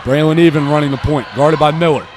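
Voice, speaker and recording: A young American play-by-play caller talks fast in a slightly high, steady voice during a live basketball game. He tracks the action in clipped phrases above the loud court, with balls bouncing throughout the gym.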